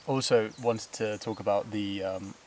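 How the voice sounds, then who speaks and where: A man with a fairly low voice vlogs on a steep hillside trail, out of breath from the climb. He rambles in a loose, casual way, full of fillers and quick laughs. A faint buzz of insects hangs behind him. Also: slight background noise. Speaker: vlogger. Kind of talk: casual talk to camera while hiking. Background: buzzing insects.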